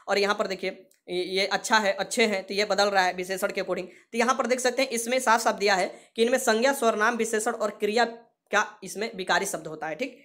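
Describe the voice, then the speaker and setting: A woman teacher delivers a rapid exam-prep grammar lesson. She repeats each term several times and keeps asking her students questions, mixing English words into her explanations at a quick clip. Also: mid-range voice, fairly bright tone. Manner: repeats key terms and asks the class questions.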